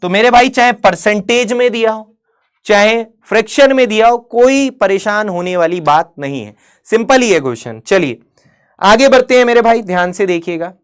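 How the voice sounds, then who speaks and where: A woman teaching an exam-prep maths lesson. She fires questions at her students, answers them herself, calls them "beta" and "mere bhai", and reads English problem text slowly before restating it. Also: medium pitch, animated, clear, resonant tone. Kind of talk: online exam-prep lecture.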